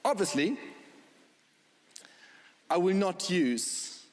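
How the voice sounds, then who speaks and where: High-pitched, lively male stage magician. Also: extremely slow. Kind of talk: stage patter to an audience. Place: large theatre stage. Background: music and audience.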